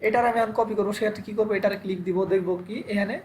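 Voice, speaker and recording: A very fast-talking instructor walks through steps in a live online class over a computer mic, with a faint hiss behind. They keep asking themselves what to do next, then answer and repeat the step. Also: medium pitch, fairly even intonation, a little mellow. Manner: asks and answers own rhetorical questions, repeats steps. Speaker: Photoshop instructor. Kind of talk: live online class, screen-share tutorial.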